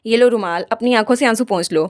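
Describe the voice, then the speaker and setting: A woman's voice: on the high side, fast talker, lightly acted. A woman voicing a stiff, awkward adult male duke in a storybook retelling. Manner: hesitant, formal.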